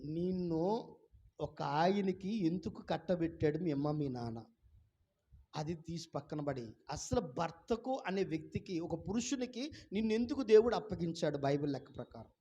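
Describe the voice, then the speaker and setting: A male pastor with a high-pitched voice preaches to his congregation. He keeps firing questions at them and pressing them to call out their answers. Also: lively intonation, moderate pace, husky, dull audio. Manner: fires rhetorical questions at the congregation; urges listeners to answer loudly. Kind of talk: sermon. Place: church before a congregation.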